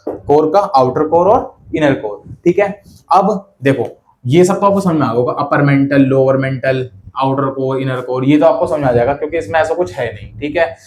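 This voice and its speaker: Male teacher quizzing his class, a touch high. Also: darkish tone. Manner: quizzes students with constant rhetorical questions; drills terms, has students repeat after him. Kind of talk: whiteboard lesson for exam students.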